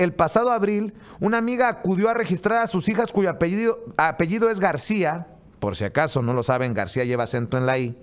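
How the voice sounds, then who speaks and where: Man, high voice, talk show host, earnest, rhetorical questions. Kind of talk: reading a news commentary, then casual panel chat.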